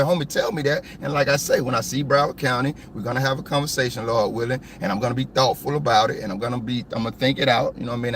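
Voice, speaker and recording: A man's voice: medium pitch, a bit bright, a little hiss or hum. A man hosting a live stream, ranting hotly and with plenty of profanity. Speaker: copwatch channel host.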